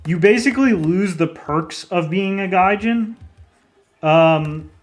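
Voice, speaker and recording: His voice is high-pitched and slow as he streams, a man who makes indie games and lives in Japan as a foreigner. He answers chat in Japanese with a non-native accent, wandering from topic to topic, laughing a lot and cursing casually.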